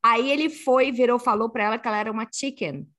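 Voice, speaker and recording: A woman's voice: on the high side, fairly even intonation, quick pace, a bit bright. A middle-aged woman, co-hosting a casual podcast chat and acting out quoted dialogue as she tells a story. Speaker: podcast co-host. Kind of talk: casual chat among friends.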